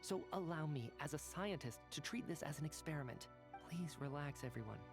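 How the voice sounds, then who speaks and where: A calm reasoning scientist. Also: male voice, a little high, vocal fry. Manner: measured, thoughtful, explanatory. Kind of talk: video game voice acting. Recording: game audio with faint music behind.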